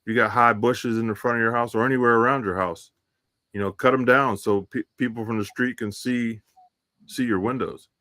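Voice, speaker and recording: A man co-hosting a live survival podcast over a remote call, giving steady, matter-of-fact tips with frequent fillers. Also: mid-range voice, moderate pace, no room sound. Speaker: podcast co-host. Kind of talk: casual live-stream chat. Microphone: remote call connection.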